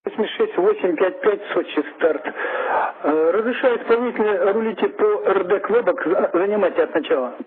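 A man working as a tower controller, heard over an aviation radio channel, giving clearances in clipped radio phraseology. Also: sits high, moderate pace, few pauses. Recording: tinny radio band with faint hiss.

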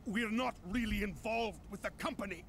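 Wounded soldier, fake Russian accent. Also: male voice, high-pitched, normal speed, a bit bright, slight background noise. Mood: grim. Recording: game audio with music behind.

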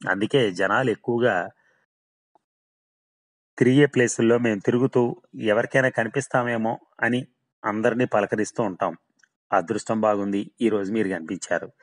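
A man's voice: on the low side, steady tone, normal speed, long pauses, close to an everyday voice. A man voicing the ghost of a hard-drinking male laborer who keeps swearing his tale is true, in a storybook reading. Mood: eerie.

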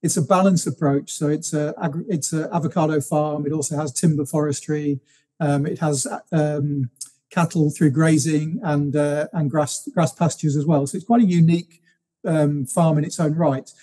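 A man answering interview questions as a company guest, explaining in a measured, businesslike way. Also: fairly high pitch, fairly even intonation, dark tone, slightly rough.

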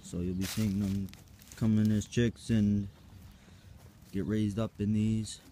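A young farm vlogger gives a rambling, hesitant walkaround tour outdoors of his farm yard and woods, filming on a handheld phone and sounding unsure of his plans. His fairly low, dark voice is slow and flat, with slight background noise.

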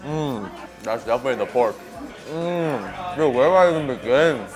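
With music in the background, this food vlogger talks at a moderate pace in an expressive, medium-pitched voice. The twenty-something keeps it laid-back and joking, wearing a shirt clip-on mic outdoors on a city street before heading into a small, crowded restaurant.

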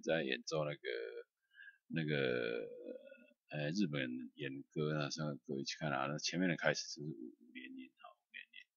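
A man giving a loose, chatty software tutorial, filled with "ah" and "hao" fillers. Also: rumbling low, vocal fry, breathy edge, dry recording, highs cut off. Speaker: music software instructor. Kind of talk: screen-recorded software tutorial.

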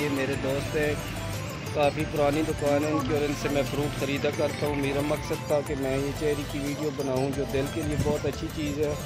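Man vlogging flatly from a fruit market. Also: a little high, low-quality recording. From Pakistan. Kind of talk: casual walkthrough vlog.

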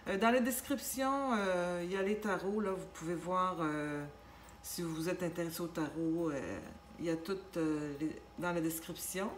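A woman with a Québécois accent giving a casual tarot reading, gentle and reassuring, with many fillers and restarts. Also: fairly low pitch, normal speed. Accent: Québécois French. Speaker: tarot reader. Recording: echoey room with faint background noise.

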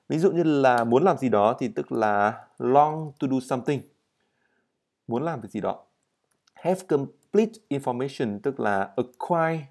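Slow, clear pronunciation of English words, followed by quick explanations, marks this man's vocabulary and pronunciation lesson. He speaks with a mid-range voice and a darkish tone.

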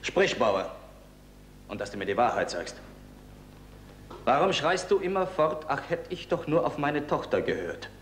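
A stern, sarcastic king with a rather high, lively voice that barks out orders. The recording is an echoey old film soundtrack with a faint hiss. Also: unhurried, long pauses. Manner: commanding, sarcastic. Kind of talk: 1970s film acting.

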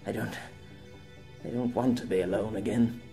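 A shaken grown man , voiced by a male storyteller, mutters to himself in a hushed, unsteady way. It is an audiobook character voice, quiet and close, with music softly underneath. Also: lowish voice, steady tone, normal speed, vocal fry. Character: shaken adult man waking from a nightmare.

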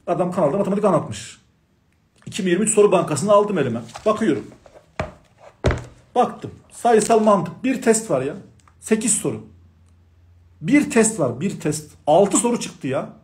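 An impassioned male math teacher addresses his students directly and repeats warnings over and over. His voice sits high and leaps around in pitch, so every sentence sounds animated and insistent. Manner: emphatic, scolding, repeats points insistently. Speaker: math teacher for exam prep. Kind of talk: passionate lecture-style talk to students.

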